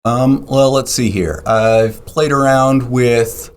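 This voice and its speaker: A man's voice: medium pitch, takes it slowly, clear, resonant tone. A man being interviewed on a podcast, explaining technical details at length with frequent ums and restarts. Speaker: podcast guest.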